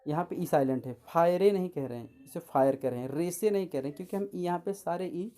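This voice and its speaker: A woman teaching English pronunciation, spelling out letters and example words slowly and deliberately. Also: fairly low pitch, animated, mellow. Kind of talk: explanatory spoken lesson.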